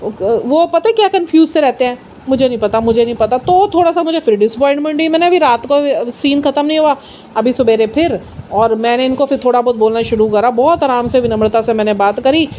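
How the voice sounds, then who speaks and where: A woman's voice: high-pitched, a little fast, darkish tone, a little hiss or hum. A middle-aged woman giving an earnest, personal spiritual talk, mixing in English phrases. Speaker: satsang speaker.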